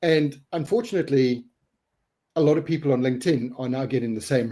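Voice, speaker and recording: A man's voice: medium pitch, warm tone. A middle-aged man hosting a casual live webinar, joking and laughing, sometimes stumbling over repeated words. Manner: jokey, laughing, repeats words when flustered. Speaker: host.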